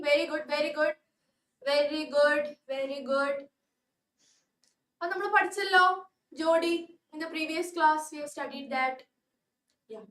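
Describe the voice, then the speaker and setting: A woman's voice: extremely high pitch, pushed and bright, reverberant, distant mic. A young woman tutor with a Malayali English accent, teaching a live online class and often checking that students follow. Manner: coaxing, checks understanding often.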